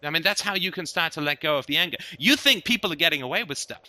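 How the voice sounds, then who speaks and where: A man with a very bright, sharp voice hosts a relaxed but emphatic conversation. He keeps checking in with his listener, punctuating his points with "right?" as he builds an argument. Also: on the high side, quick pace. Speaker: host. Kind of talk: casual philosophical conversation.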